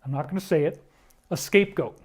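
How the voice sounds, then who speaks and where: A man delivering an emotional commentary monologue, emphatic and prone to sudden loud outbursts. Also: fairly high pitch, quick pace. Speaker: online commentator.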